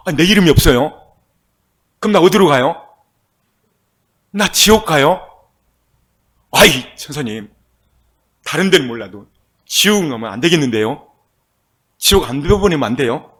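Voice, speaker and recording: A man's voice: a little high, lively intonation, moderate pace, long pauses, breathy edge. A man playing an indignant old church elder. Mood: pleading. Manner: pleading, protesting loudly.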